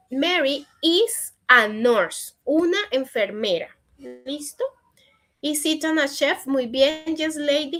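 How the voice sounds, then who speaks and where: A woman teaching an online English class in Spanish, reading out student answers and gently correcting them. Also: high voice. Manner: encouraging corrections in a patient teacherly tone. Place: online session.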